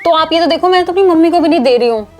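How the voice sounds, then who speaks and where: A woman's voice: very high voice, racing, a little mellow, faint music behind. A woman in a comic family skit, talking in a smug, teasing and bossy way. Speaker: comedy skit performer.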